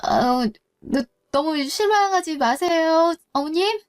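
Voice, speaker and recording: Brief: a woman as a shy young woman in a story drama, stuttering and bright-voiced. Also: on the high side, expressive, moderate pace, natural voice. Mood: flustered. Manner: shy, stammering. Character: nervous young woman meeting her future mother-in-law.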